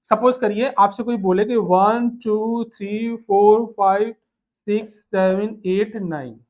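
A man's voice: sits high, slow, phone-quality sound. A man teaching an exam-prep math lesson, repeatedly asking rhetorical questions and answering them himself, and calling listeners "my dear". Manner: calls listeners "my dear", mixes English terms into Hindi; counts numbers aloud in steady rhythm.

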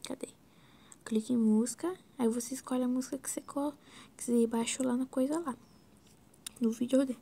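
A Brazilian woman talking through a screen tutorial, her voice slightly high with a gravelly fry and a mellow, dark tone. She drifts into soft whispers and mutters exclamations to herself as she clicks along. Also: steady tone, fairly quick, pauses often. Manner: chatty and scattered, often dropping to a soft whisper, exclaiming to herself. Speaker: video editing tutorial host. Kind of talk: casual screen-recorded tutorial.

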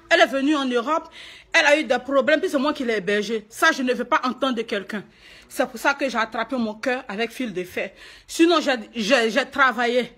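A woman's voice: sits high, sharp tone. An upset woman speaking live in a video, tearful and repeating herself as she pleads her case. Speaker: singer and stage performer. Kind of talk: emotional live video rant. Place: indoors in a private home.

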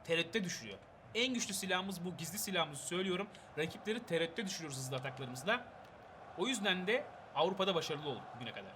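Excitable young man shouting gameplay commentary. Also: on the high side, fast talker, slight background noise. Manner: excitable, shouts at players, bursts of laughter. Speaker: gaming channel host.

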